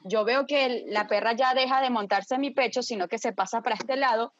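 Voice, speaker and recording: A woman with a fairly high voice tells a story to friends in a casual, dramatic way. She swears freely and keeps asking whether they follow her. The sound is dry and close, with a slightly dull, lo-fi quality. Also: fairly quick, no echo. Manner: lively, dramatic, swears freely, asks listeners for agreement.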